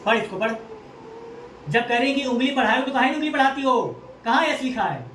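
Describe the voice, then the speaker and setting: Scolding a child about reading, a woman tutoring at home sounds stern and impatient, spelling out letters and repeating commands. She talks fairly quickly in a high, fairly bright voice. The recording picks up room echo and faint noise, with her far from the microphone.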